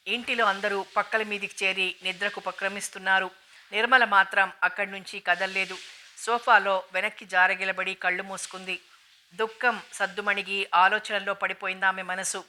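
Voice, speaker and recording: Bright-voiced woman narrating a novel. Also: mid-range voice. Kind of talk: audiobook novel reading.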